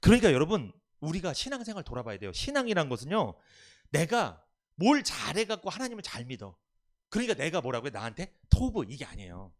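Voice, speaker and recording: A man's voice: on the high side, huge pitch swings, brisk. A man preaching a sermon as pastor at a church service, emphatic and quizzing the congregation with questions for them to answer.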